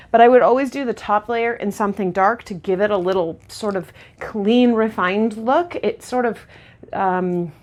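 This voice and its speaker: A woman demonstrating lash techniques in a casual tutorial, chatty and relaxed with lots of ums and restarts. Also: medium pitch. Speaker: lash artist instructor.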